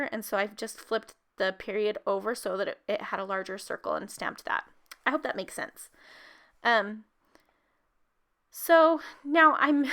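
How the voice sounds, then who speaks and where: A woman talks through her crafting in a relaxed voice-over. Her voice sits a little high and sounds bright and forward. She chats along easily, dropping in ums and little laughs. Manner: chatty, frequent ums and soft laughs. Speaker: scrapbooking video host.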